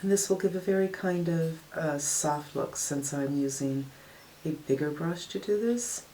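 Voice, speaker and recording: A woman's voice: low-pitched, unhurried, dark tone, a little hiss or hum, poor audio. An older woman narrating a casual makeup tutorial, giving a frank, matter-of-fact review of eyeshadows as she swatches and applies them. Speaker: beauty vlogger.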